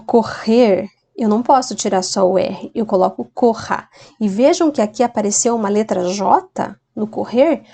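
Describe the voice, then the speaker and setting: A woman's voice: on the high side, mellow. A woman teacher explaining grammar in a video lesson, often checking in with "né?". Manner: explains patiently with frequent "né?" checks. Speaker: Spanish teacher.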